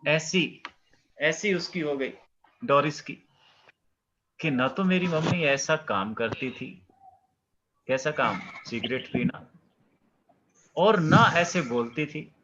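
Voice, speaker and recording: A male teacher slowly explaining a play to his class, questioning students and acting out the lines. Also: on the high side, lo-fi sound, background noise.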